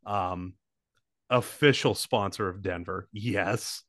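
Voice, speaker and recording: A man's voice: deep voice, slow, fairly bright tone, no room sound, studio quality. A man co-hosting a comedy podcast, swearing freely and riffing on silly bits in casual banter. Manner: joking, crude, riffs with silly bits. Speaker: podcast co-host.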